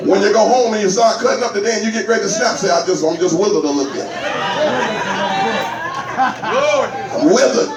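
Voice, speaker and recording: High-voiced Southern pastor preaching in an echoey hall. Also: male voice, far from the mic. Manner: preaching with rising shouts and congregation prompts. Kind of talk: call-and-response sermon. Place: large church hall. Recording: echoey church hall mic'd from afar, crowd.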